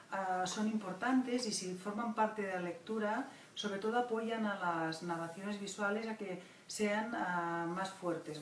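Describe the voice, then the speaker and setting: A woman, a children's book author and illustrator, reflecting thoughtfully in an interview, halting often with "ah" fillers. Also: medium pitch. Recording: roomy distant mic with faint noise.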